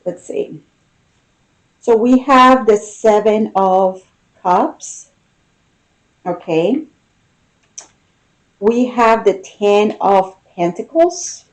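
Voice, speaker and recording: A woman giving an unscripted, intimate tarot reading, pausing and thinking aloud as she talks to the listener. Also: mid-range voice, animated, poor audio. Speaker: tarot reader.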